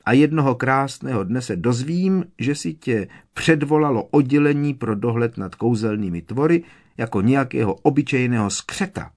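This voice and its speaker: A man voicing a tiny, servile female house-elf with a squeaky, trembling voice, reading a storybook. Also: lively intonation, darkish tone. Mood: anxious. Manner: fearful, deferential, keeps saying sir.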